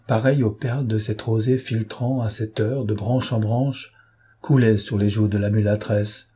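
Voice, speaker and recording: Dark, husky male audiobook narrator. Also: mid-range voice. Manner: measured and expressive reading.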